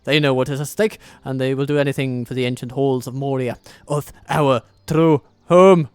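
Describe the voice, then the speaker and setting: A man's voice: mid-range voice, fairly even intonation, moderate pace, smooth, no echo, natural voice. A man putting on a fake Scottish accent to voice a solemn dwarf herald reading a grand quest briefing. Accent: put-on Scottish. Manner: grand, old-fashioned storytelling delivery. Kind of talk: dramatic reading of game briefing text.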